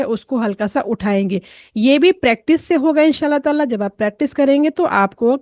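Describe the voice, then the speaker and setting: A Quran recitation teacher gives a patient tajweed lesson, sounding out each letter slowly and mixing English words into her explanations. Her voice sits a little high with a darkish tone, and the recording is close and dry, with no room sound.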